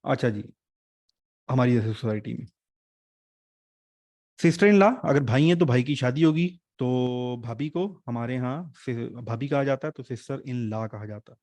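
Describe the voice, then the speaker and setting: A male teacher runs an online exam-prep class in a chatty, joking way. His voice sits at an ordinary middle pitch and is recorded dry and close on a desk mic, with no room sound. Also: measured pace, darkish tone, no echo. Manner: chatty, joking teacher mixing English terms.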